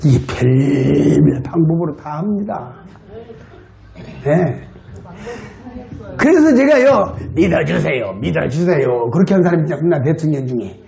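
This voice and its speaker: A man's voice: unhurried, gravelly, pauses often, reverberant, crowd noise. A man with a Jeolla Korean accent preaching a sermon at a church camp, telling stories and acting out the people in them. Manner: animated, acts out dialogue with high excited voice. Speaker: lay preacher. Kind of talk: sermon with acted-out anecdotes. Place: church hall.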